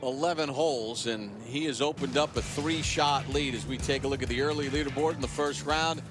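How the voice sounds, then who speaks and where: A man anchoring a live golf broadcast with a polished, measured announcer delivery. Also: medium pitch, music in the background. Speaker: lead broadcast host.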